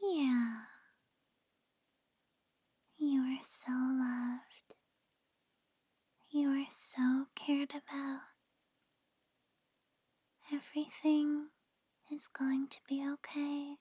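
Woman acting as loving gf ASMR role-play, right in your ear, super slow n soothing, high soft voice, lulling you to sleep. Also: little pitch movement, no echo. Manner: close, right in the listener's ear. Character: tender, reassuring female partner lulling a loved one to sleep.

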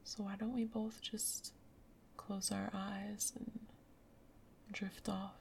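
Soft whispery woman, slow gentle asmr, gravelly fry in her voice, flat and even. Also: medium pitch, slight background noise. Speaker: girlfriend roleplay. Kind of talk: ASMR roleplay. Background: rain sounds.

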